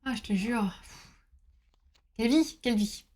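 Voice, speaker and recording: A woman's voice: fairly high pitch, a little slow, a little mellow, breathy edge. A woman streaming a game, chatting casually with her viewers, reading their messages aloud and bursting into exclamations.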